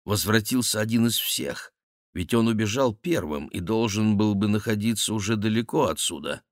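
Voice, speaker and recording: A man narrating a novel as an audiobook reader, measured and even. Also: on the low side, dry recording, clean studio sound. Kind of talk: scripted literary narration.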